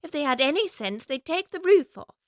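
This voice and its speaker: A woman's voice: high-pitched, animated, a little fast, no room sound, clean studio sound. An actress playing Alice, a curious, plucky young girl who thinks aloud earnestly to herself. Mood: musing.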